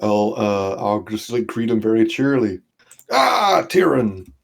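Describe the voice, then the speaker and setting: A man's voice: fairly low pitch, flat delivery, normal speed, darkish tone. A man playing in a tabletop game, talking in a casual, easygoing way. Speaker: player.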